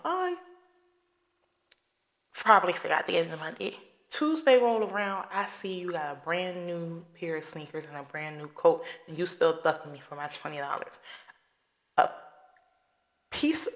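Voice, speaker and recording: Hosting a solo podcast, a woman addresses the listener directly and conversationally, leaning on rhetorical questions and everyday examples in a somewhat preachy way. Her voice runs on the low side and sounds a bit bright.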